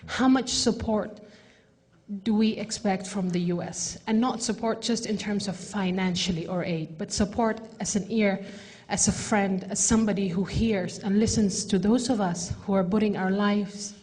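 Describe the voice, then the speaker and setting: A woman's voice: mid-range voice, steady tone, moderate pace, darkish tone. A woman from Somalia asking a formal, earnest question from the audience at a town hall.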